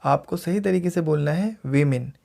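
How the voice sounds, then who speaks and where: A man's voice: on the high side, warm tone. Indian man teaching English pronunciation. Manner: repeats words slowly and clearly for learners. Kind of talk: casual video lesson.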